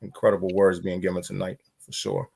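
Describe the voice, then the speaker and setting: A man's voice: low-pitched, little pitch movement, fairly quick, gravelly, mellow, slightly rough. A man moderating a church panel discussion, hesitant, with many fillers.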